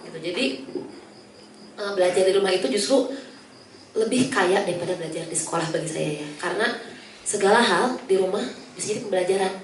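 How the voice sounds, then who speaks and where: A young woman who is a children's educator, chatting casually and telling lively stories, laughing often and acting out children's voices. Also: medium pitch, brisk, long pauses. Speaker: guest speaker, children's educator. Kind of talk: casual talk show chat. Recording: echoey room, distant mic, faint noise.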